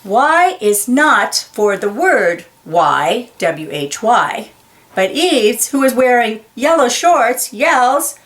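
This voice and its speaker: Her voice is on the high side, sing-song and a bit bright, as she reads aloud from a children's picture book. The woman takes a slow, deliberate approach, carefully stressing key words and giving simple explanations for young listeners.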